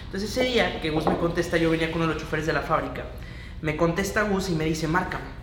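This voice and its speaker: A man's voice: on the high side, fast talker, fairly bright tone, a little hiss or hum. A man in his twenties with a Mexican accent, a guest telling his story on a podcast in an eager, earnest way. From León, Mexico. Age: 20s. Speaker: podcast guest, young entrepreneur. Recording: roomy echoing room.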